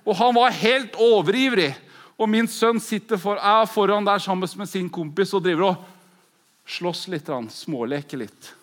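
Fired-up guy preaching in a big hall, kinda high voice, gets loud then goes quiet and prayerful. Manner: fervent, swings from loud exclamations to hushed prayer. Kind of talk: pentecostal sermon. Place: large conference hall.

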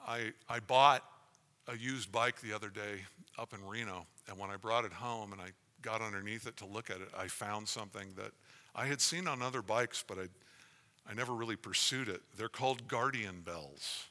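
A man's voice: lowish voice, moderate pace, bright, forceful tone. A man preaching a sermon, moving between conversational anecdotes and emphatic rhetorical questions. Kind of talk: sermon to a congregation, with personal anecdotes. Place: large reverberant room, preaching to an audience. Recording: reverberant hall sound.

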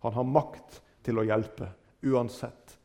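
A man preaching a sermon, retelling stories with dramatic rises and falls in his voice. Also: steady tone. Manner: dramatic retelling with wide swings in pitch and loudness.

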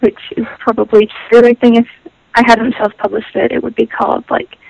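A woman's voice: a little high, flat delivery, a little fast, gravelly. A woman guest heard over an internet phone call, talking casually and hesitantly with many ums and restarts. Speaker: guest knitwear designer.

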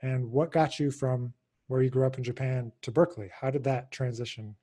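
A man hosting a podcast, asking relaxed questions with the odd filler. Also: mid-range voice, moderate pace. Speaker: podcast host. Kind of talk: casual interview chat.

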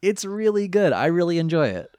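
A man co-hosting a casual podcast chat, easygoing and quick to laugh. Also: high-pitched, big pitch swings, darkish tone, clear, resonant tone, no echo. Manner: giggly and easygoing, laughs often. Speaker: podcast co-host.

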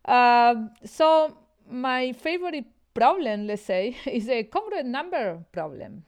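A woman from Argentina guesting on a podcast as a math professor. She explains step by step, pausing on fillers. Her voice is smooth and clear, sitting fairly high. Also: lively intonation, darkish tone. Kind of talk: podcast interview.

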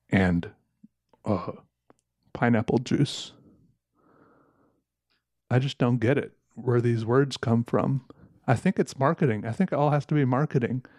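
A man's voice: medium pitch, takes it slowly, pauses often, a little mellow, no room sound, clean studio sound. A man chatting casually into a microphone as a solo podcast host, rambling, correcting himself and musing with wry humor. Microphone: close microphone.

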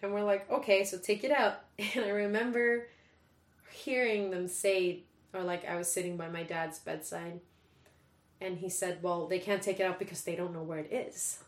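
A woman's voice: lowish voice, fairly even intonation, moderate pace. A young woman, talking candidly and casually as a podcast guest. She swears freely and laughs as she speaks. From Sweden. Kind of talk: casual conversation. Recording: echoey room.

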